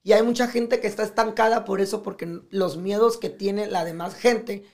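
A man with a Mexican accent talking as a podcast guest in casual conversation, animated and profane, often acting out what others say. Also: high voice, normal speed. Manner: animated, profane, acts out quoted speech.

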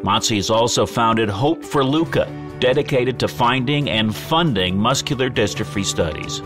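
A man's voice: mid-range voice, moderate pace, music in the background. A man announcing a podcast's sponsor and guest in a polished, scripted delivery.

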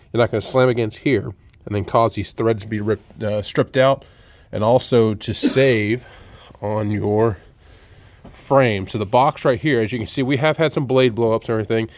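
A man who owns a sawmill casually walks through a repair step by step, recorded outdoors on a handheld camera beside the machine. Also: lowish voice. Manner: relaxed, explains step by step with fillers. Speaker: sawmill owner showing a repair. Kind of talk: casual how-to demonstration. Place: outdoors at a sawmill under an open shed.

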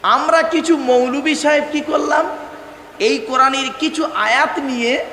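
A man's voice: extremely high pitch, a little slow, bright, forceful tone, slight background noise. A man preaching a Bengali waz sermon to a crowd, calling out to the listeners, reeling off rhythmic lists and drawing out his emphatic phrases. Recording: echoey hall with long reverb.

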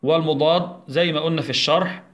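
A man with an Egyptian Arabic accent, a primary school teacher giving a recorded lesson for young children, who asks questions, answers them himself, and slowly sounds out syllables. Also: fairly high pitch, steady tone, dull audio.

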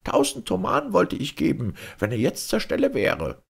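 A man voicing a frightened, lying merchant in an audiobook tale, pleading in a high wail. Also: huge pitch swings, normal speed, gravelly, slightly rough, heavily acted. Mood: whining. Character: whining frightened male merchant, cringing liar.

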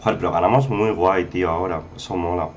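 A man's voice: low voice, quick pace, muffled recording, a little hiss or hum. A man giving chatty, casual commentary over a strategy game, often exclaiming and talking to viewers. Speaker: gameplay commentator.

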